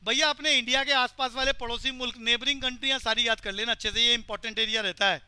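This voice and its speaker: A male teacher lecturing a class and pressing the students for quick answers. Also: very high voice, fairly even intonation, pushed and bright, clear, resonant tone, no room sound.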